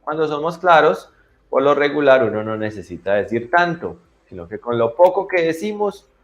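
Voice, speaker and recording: A man teaching English to children in an online class, often checking they follow and drilling pronunciation slowly. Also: on the high side, big pitch swings, lo-fi sound, soft background music. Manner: teacherly, asks for agreement after each point.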